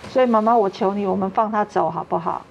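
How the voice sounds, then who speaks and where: A woman's voice: mid-range voice, fast talker, vocal fry, darkish tone, highs cut off, slight background noise. A woman with a Taiwanese Mandarin accent, a talk show guest earnestly telling a personal story and acting out what others said. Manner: earnest, acts out quoted dialogue.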